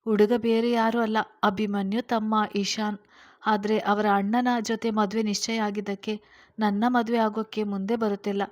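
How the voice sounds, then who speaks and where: A woman's voice: medium pitch, level tone, moderate pace, darkish tone, close to an everyday voice. A woman doing a tearful young bride-to-be. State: crying.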